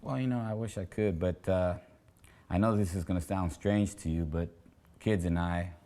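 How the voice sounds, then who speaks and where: Brief: man as a worn-out divorced dad, deep voice, reluctant and dodging. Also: steady tone, normal speed, dark tone. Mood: weary. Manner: reluctant, sighing, deflecting. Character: weary divorced male coworker, dad. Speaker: actor in training skit. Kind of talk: training video role-play.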